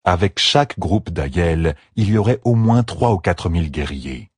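A man reading a fantasy audiobook in a measured, expressive narration. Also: low voice, husky, no room sound, clean studio sound.

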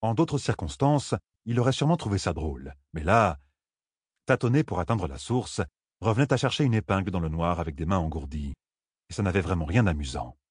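A man reading a fantasy audiobook aloud with measured, dramatic delivery. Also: low voice, animated, slightly rough, no room sound, clean studio sound. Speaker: audiobook narrator.

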